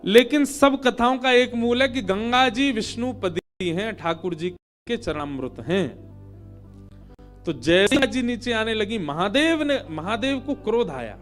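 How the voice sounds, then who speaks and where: Man, devotional storytelling sermon, high voice, expressive emphasis, faint music. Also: measured pace. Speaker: religious storyteller.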